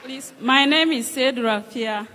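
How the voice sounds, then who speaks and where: A woman's voice: sits high, measured pace, bright, forceful tone, in a large hall, slight background noise. A young woman of about twenty introducing herself politely and formally. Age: young adult. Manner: polite, formal, starting with please. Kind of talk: short self-introductions.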